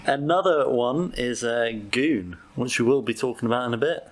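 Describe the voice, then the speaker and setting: A man co-hosting a travel podcast, his talk casual and dry-humored as he quizzes a friend. His voice sits at an ordinary middle pitch, with a faint hiss of noise behind it. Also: moderate pace. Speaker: podcast co-host. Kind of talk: casual chat, quizzing on slang.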